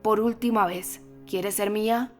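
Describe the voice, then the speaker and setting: A woman's voice: medium pitch, fairly even intonation, measured pace, faint music behind, natural voice. A woman voicing a menacing, vengeful male priest with a harsh, commanding delivery in an audiobook.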